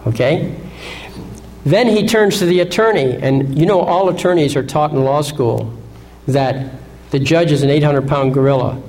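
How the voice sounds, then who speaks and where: A man's voice: a little high, normal speed, a little mellow, rough recording. A man lecturing an audience in an assertive way, often asking rhetorical questions and checking in with "Okay?". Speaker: seminar speaker.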